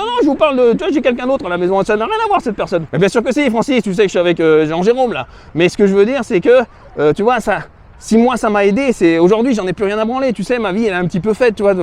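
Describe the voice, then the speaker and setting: A man's voice: sits high, a little mellow. A man vlogging outdoors, rambling in a vulgar, mock-insulting, matey monologue to camera. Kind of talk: crude joking monologue to camera.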